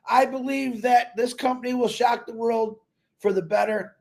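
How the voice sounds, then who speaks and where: A man giving a loud, emphatic motivational talk to company members, telling folksy stories and repeating himself. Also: very high-pitched, steady tone, moderate pace, vocal fry. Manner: loud and emphatic, calls himself a big mouth; repetitive, folksy storytelling. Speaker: company promoter speaking to members.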